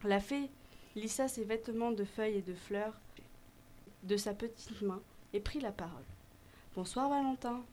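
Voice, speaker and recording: A woman narrating a children's story in a gentle, measured reading voice. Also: medium pitch, steady tone, slight background noise.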